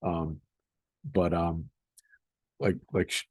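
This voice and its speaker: A man from the Boston area with an American accent, talking casually and haltingly to camera as he explains something. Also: deep voice, flat delivery, a little mellow, husky, no echo. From Boston area, United States. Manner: halting, repeats words, chuckling. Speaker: vlogger explaining regional accent.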